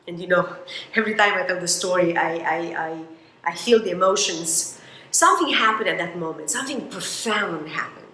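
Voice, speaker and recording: Emphatic woman on a roomy stage. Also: medium pitch. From Romania. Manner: emphatic, expressive storytelling. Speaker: motivational speaker. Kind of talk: motivational talk.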